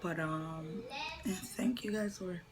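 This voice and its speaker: A young woman telling a personal story on her vlog, soft and halting, often slipping into a whisper, earnest and tearful. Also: on the low side, fairly even intonation, rough recording. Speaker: vlogger.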